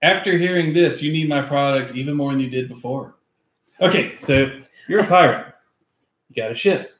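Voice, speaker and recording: A man playing a party game with friends, giving a loud, pushy, over-the-top sales pitch. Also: moderate pace. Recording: roomy echo.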